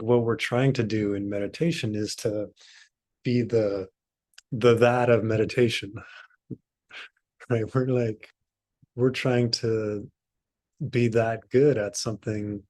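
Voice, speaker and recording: A man leads a meditation group, speaking slowly and easily, pausing often as he thinks aloud. His voice is of middle pitch and sounds dry and close, as on a video call. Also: no echo. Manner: relaxed, unhurried, thinks aloud with pauses. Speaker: meditation teacher. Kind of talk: casual talk to a meditation group.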